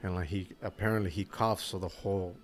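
A man with a lowish voice hosts a casual podcast chat. He is a barber who tells shop stories, swears freely and acts out the quotes with lively energy. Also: a little fast. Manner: swears freely, animated storytelling with acted quotes. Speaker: podcast host.

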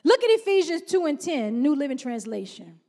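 High-voiced woman preaching. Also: big pitch swings, mellow. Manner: preaching with call-and-response, drawn-out emphasis. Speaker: pastor. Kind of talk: sermon.

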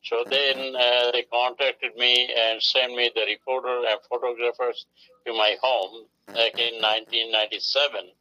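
A man being interviewed, telling his story in a halting way with many fillers and pauses. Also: mid-range voice, flat delivery, sharp tone, muffled recording. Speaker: interview guest. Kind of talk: casual phone interview.

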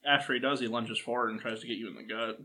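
A man's voice: medium pitch, fairly even intonation, fast, sharp tone, a little hiss or hum. A young man running a tabletop game as game master, narrating with frequent ums and hesitations.

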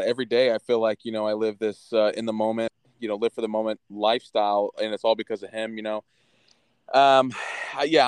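A man with a smooth, clear voice at a medium pitch co-hosts a casual podcast, recorded dry and close. He talks informally, like chatting with friends, dropping in slangy asides. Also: dry recording. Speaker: podcast co-host.

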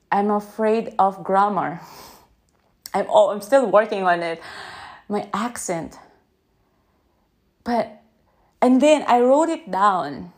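A woman with a Filipino accent hosting an unscripted podcast into her phone, gently guiding breathing and then talking in a halting way with many restarts. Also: fairly high pitch. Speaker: podcast host.

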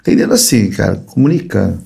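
A middle-aged Brazilian CEO guests on a podcast, animatedly telling stories and often dropping "cara" and "né" in the casual conversation. His voice is fairly low, quick, and creaky, captured on a podcast studio mic.

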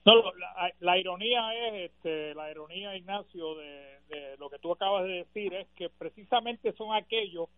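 A man's voice: high-pitched, moderate pace, hardly any pauses. A man with a Puerto Rican accent, a radio panelist giving a pointed, incredulous rebuttal. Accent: Puerto Rican Spanish. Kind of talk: radio talk-show debate. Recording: narrow phone-like radio sound.

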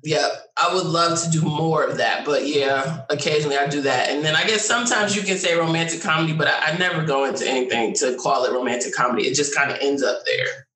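Low, bright-voiced woman on a roomy video call. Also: fast talker. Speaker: guest author. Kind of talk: casual conversational interview answers. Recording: roomy, distant video-call audio, faint noise.

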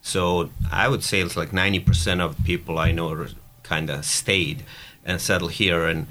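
A man in his thirties from Bosnia and Herzegovina, a guest answering interview questions in a relaxed way with loose, non-native phrasing. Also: sits low, moderate pace. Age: 30s. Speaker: director of operations, guest.

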